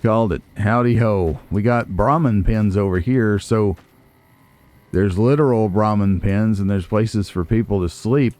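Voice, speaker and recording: Speaking a little slowly, this man has a fairly low, darkish voice. He's a let's play host chatting casually through a video game playthrough, musing aloud with wry remarks while game music plays behind him.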